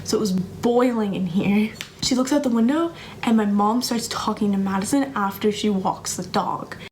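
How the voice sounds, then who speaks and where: A young woman rattles through a story with excitable, swear-peppered energy. Her voice sits at a middle pitch, and a faint hiss runs underneath. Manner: fast, breathless, swearing storytelling. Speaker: vlogger. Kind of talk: casual storytime.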